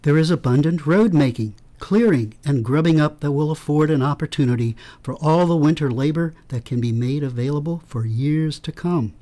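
A man's voice: a little high, normal speed, few pauses, warm tone. Formal man reading old quotes. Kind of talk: scripted reading of historical quotes.

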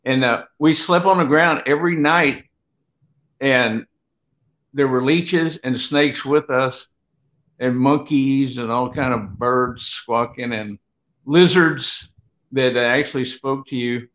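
A man's voice: mid-range voice, fairly bright tone. Older man rambling through a grandpa story. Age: 70s. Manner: halting, unhurried, digressive. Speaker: guest, Vietnam veteran. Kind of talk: rambling grandpa-style storytelling, personal war reminiscence. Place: home room, on a video call. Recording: dull, lo-fi video call audio.

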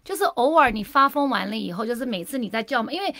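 A woman's voice: fairly high pitch, expressive, fast talker, gravelly, bright, forceful tone, no room sound, studio quality. A middle-aged woman, a radio guest, talking candidly and with animation about marriage, dropping in English phrases. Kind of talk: casual radio interview.

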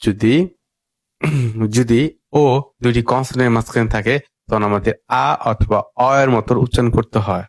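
A man gives an English pronunciation lesson, repeating short words several times so learners can follow. His voice sits at an ordinary middle pitch. The recording is close and dry, with no room sound. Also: steady tone, no echo. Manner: slow, repetitive drilling of words. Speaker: English teacher. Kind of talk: spoken language lesson.

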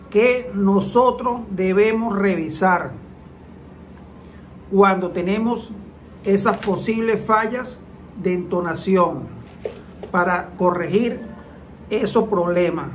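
A man's voice: high voice, slight background noise, poor audio. A man, a transmission mechanic, hosting his channel and explaining engine faults to viewers in plain, repetitive casual talk. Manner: repetitive, plain-spoken, acts out engine sounds.

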